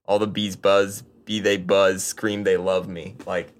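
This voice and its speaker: A man in casual conversation about an album, laid-back, sometimes slowing down to recite lyrics. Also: low voice, level tone. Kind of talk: casual music review chat.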